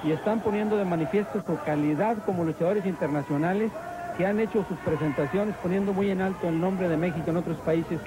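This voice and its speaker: A man's voice: high voice, fairly quick, background noise. A man with a Mexican accent commenting on and analysing a live wrestling match as a commentator.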